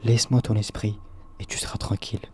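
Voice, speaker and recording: A man voicing a calm, cold demon that speaks in a whisper inside a story. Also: lowish voice, a little fast, a little hiss or hum, lightly acted.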